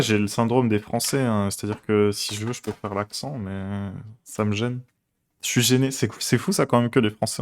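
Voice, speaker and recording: A man's voice: fairly low pitch, slight background noise. A man, streaming a coding session and chatting casually, thinking aloud with many fillers and restarts. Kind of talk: casual live coding chat.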